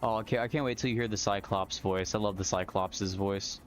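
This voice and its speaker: A man's voice: on the low side, fairly even intonation, a little fast, a little hiss or hum. A man giving casual, chatty gameplay commentary, explaining things in colloquial language as he plays. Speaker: gamer hosting a modded survival game stream.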